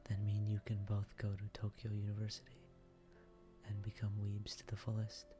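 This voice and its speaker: A man whispering softly in an intimate, affectionate boyfriend roleplay for ASMR. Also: lowish voice, completely flat delivery, brisk, music in the background.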